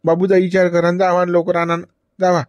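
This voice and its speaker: A man's voice: sits high, completely flat delivery, fairly quick, no echo, lo-fi sound. A man in comic village banter, lecturing and chiding with frequent "hm?" prompts. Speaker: cartoon character voice.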